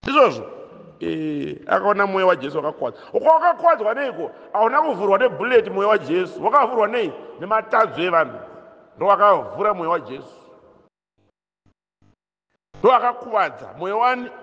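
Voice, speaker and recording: Animated high-voiced man teaching catechism. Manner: animated, quizzes listeners with questions, repeats key phrases. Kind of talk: catechism lesson mixing Shona and English. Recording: dull sound with long hall echo.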